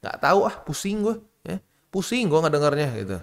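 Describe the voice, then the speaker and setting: A man's voice: on the high side, big pitch swings, brisk. A man hosting a crypto channel, giving blunt, slangy, scolding market commentary.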